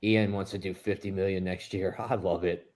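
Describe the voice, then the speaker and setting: A man co-hosting a business webinar over a video call, energetic with quick banter. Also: low-pitched. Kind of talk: casual webinar chat.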